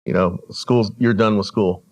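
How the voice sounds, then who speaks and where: A man born in El Salvador, a podcast guest telling his family's story in an earnest, measured way. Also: fairly low pitch, fairly even intonation. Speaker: guest, regional director. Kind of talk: storytelling interview.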